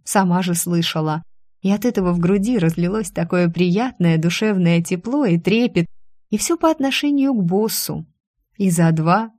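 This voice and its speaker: A woman narrating a first-person audiobook romance in an expressive, lively storytelling manner. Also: fairly low pitch, no echo, studio quality.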